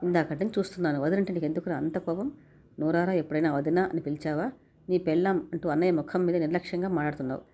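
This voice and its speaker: A woman's voice: on the low side, steady tone, very fast, close to an everyday voice. A woman reading the lines of an outspoken college-age sister who scolds her brother, in a narrated story. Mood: scolding. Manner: sharp, scolding.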